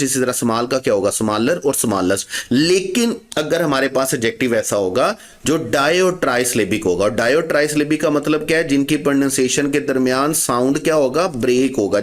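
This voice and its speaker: Male grammar teacher, mid-pitched, quizzing the class and answering himself, spelling out examples slowly. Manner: asks the class questions and answers them himself, calls students "beta"; slows to spell out example words and phrases. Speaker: English teacher. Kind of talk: exam-prep grammar lecture.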